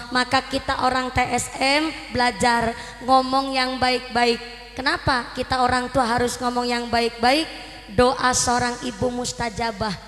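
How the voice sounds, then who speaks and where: A woman's voice: on the high side, fairly bright tone. A woman preacher with a Javanese accent giving a humorous sermon, telling jokey stories and bantering with her audience over a public address system. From Cilacap, Central Java. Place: large mosque courtyard gathering. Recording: echoey PA sound in a big open space.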